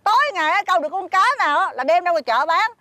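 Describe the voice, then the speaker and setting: A woman's voice: very high voice, expressive, racing, bright, forceful tone, no echo, full character voice. A woman with a Southern Vietnamese accent playing an older fisherman's greedy wife who scolds and makes demands. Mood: scolding. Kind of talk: fairy-tale drama acting.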